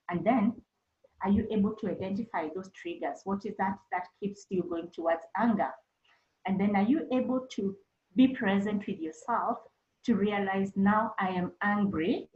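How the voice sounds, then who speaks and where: A woman's voice: medium pitch, a little mellow, roomy sound, muffled recording. A woman speaking as a counselor, earnestly advising teachers and repeating points for emphasis. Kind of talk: webinar talk to teachers.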